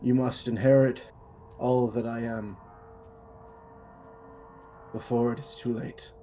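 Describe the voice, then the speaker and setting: A man voicing a dying old male mentor who speaks a grave, halting farewell. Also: medium pitch, flat delivery, dark tone, slight background noise, close to an everyday voice. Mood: solemn.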